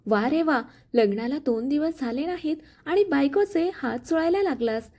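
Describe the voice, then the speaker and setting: A woman's voice: high-pitched, animated, normal speed, mellow. A woman voicing a spiteful, scheming young sister-in-law in a spoken family story, with a sneering, taunting manner.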